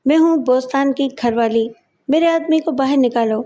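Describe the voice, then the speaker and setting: A hot-tempered wife flings taunts and insults in an audio story, voiced by a woman narrator. The voice sits slightly high with a mellow, soft tone. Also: natural voice. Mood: furious. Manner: shouting, scornful taunts.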